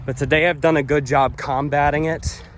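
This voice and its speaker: A man's voice: a little high, fairly even intonation, moderate pace. A young adult man chatting to his viewers while playing golf outdoors, in a casual, rambling way. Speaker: golf vlogger. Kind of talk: casual vlog commentary. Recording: outdoor noise in background.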